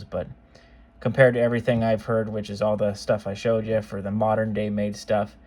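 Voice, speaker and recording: A seller demonstrates modified cassette players in a casual, offhand, conversational way. His voice is lowish and a little mellow.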